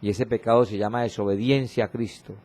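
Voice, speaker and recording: A man preaching a sermon, reading scripture slowly and repeating exhorting refrains, with his voice often dropping low and soft for emphasis. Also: fairly even intonation. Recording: radio broadcast of a church sermon.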